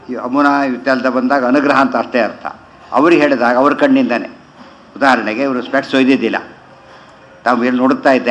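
Man slowly expounding scripture. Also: mid-range voice, fairly bright tone, muffled recording. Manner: chants verses slowly, then explains in quick conversational asides. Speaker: religious teacher. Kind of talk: scripture commentary lesson.

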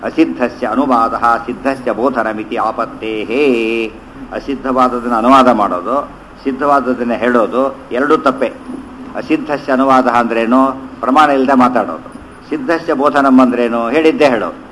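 A man teaching a scripture commentary, chanting verses slowly and then explaining them conversationally with rhetorical questions. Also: mid-range voice, fairly bright tone, slight background noise, rough recording.

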